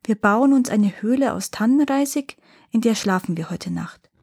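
A woman voicing a small, clever boy in a storybook reading, speaking high and bright. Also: lively intonation, moderate pace, vocal fry, breathy edge, heavily acted. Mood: reassuring. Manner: high and bright, squeaky when tricking the giant.

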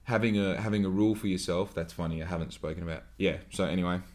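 A man in his late twenties talks alone into his podcast mic, his voice sitting a little low. He rambles through his thoughts with swearing and a steady stream of "like" between phrases. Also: fast. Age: 20s. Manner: rambling, profane, filler-heavy with frequent "like". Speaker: podcast host. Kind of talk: solo podcast monologue.

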